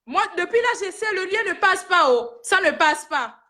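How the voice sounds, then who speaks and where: A woman calling in by phone to a casual livestream. Her voice sits high, and she talks in a calm, practical way, offering fixes. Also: normal speed. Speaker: caller.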